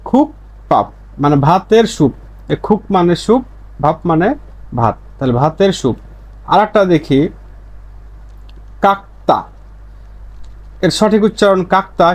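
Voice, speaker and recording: Teaching pronunciation, this language teacher speaks in a somewhat high voice with a darkish tone. He works patiently, saying every example slowly more than once and answering his own questions after asking them.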